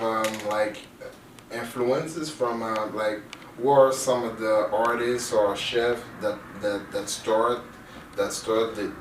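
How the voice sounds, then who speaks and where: A man hosting a radio interview, asking questions haltingly with many fillers and short casual replies. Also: on the low side, fairly bright tone. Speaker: radio show host. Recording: roomy, distant from mic, faint noise.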